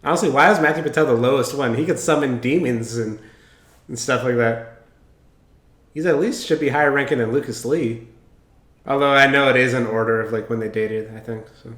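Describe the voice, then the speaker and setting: A man's voice: mid-range voice, a little fast, fairly bright tone, a little hiss or hum. Casual man reacting in a roomy space. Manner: informal, slangy exclamations. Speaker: reaction video host. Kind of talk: casual running reaction commentary. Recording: roomy echo, show music behind. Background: music from the show being watched.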